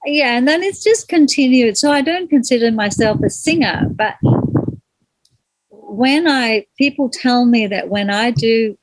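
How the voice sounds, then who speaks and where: Interview guest: middle-aged woman from Malaysia, a little high-pitched, reflective and unhurried, close and dry. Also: no room sound, rough recording. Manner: gentle, thoughtful, searches for words. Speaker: guest, kirtan singer.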